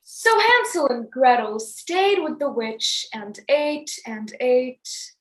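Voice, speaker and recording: A woman's voice: high-pitched, very animated, slow pace, exaggerated voice. A woman playing a theatrical fairy-tale storyteller, narrating a comic stage show. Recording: roomy stage sound.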